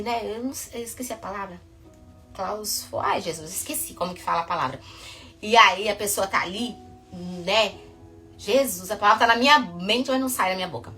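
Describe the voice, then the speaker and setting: A woman, a psychotherapist talking casually to camera, telling stories in a chatty way that rushes ahead and then stops herself. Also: mid-range voice, a bit bright.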